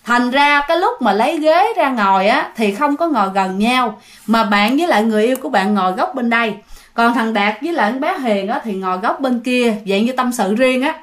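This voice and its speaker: A woman's voice: on the high side, animated, a little fast, fairly bright tone. A woman narrating a ghost story in a chatty way and speaking straight to her listeners. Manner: chatty, addresses listeners directly.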